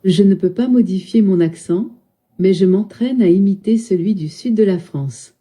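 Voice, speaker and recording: A polite female text-to-speech assistant reads out answers and weather forecasts in even, announcer-like phrasing. Her tone is warm and dark, slightly husky, at a middling pitch. She sounds played from a loudspeaker in the room. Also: moderate pace. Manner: polite, evenly paced, announcer-like. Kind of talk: synthetic assistant replies.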